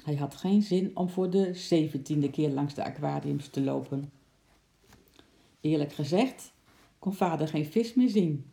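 A storyteller reads a children's story aloud, expressive and lively. The voice is gravelly, with a dark, mellow tone. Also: mid-range voice, unhurried.

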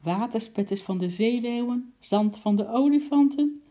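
A reader voicing a merry lady who keeps laughing, her voice raised high and loud. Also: lively intonation, moderate pace, lightly acted. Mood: amused. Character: lady, merry and easily amused.

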